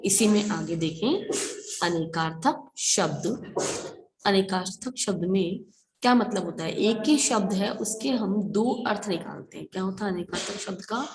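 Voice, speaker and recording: A woman's voice: medium pitch, lively intonation, a little slow, crowd noise. A woman teaching an online school class, asking questions and then answering them herself as she goes through word lists. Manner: asks and answers her own questions while drilling words.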